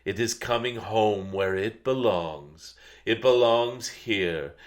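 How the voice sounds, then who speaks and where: A man channels an ancient, wise dragon spirit delivering a spiritual message to humanity. His fairly low voice moves very slowly, solemn and gentle like a guided meditation, with murmured hums filling the pauses. The mood is soothing and solemn.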